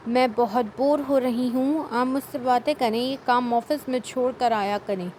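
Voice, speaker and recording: A woman's voice: a little high, steady tone, a little mellow, slight background noise, natural voice. A woman voicing a playful, stubborn young wife who pleads and sulks in a storybook reading. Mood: pleading.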